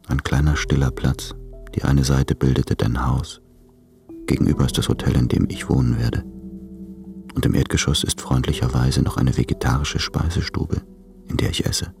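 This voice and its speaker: A man's voice: a bass voice, gravelly, a little mellow, exaggerated voice. An actor playing an anxious, brooding man in love in a radio play, speaking in a subdued, introspective way. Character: anxious, brooding male letter writer in love.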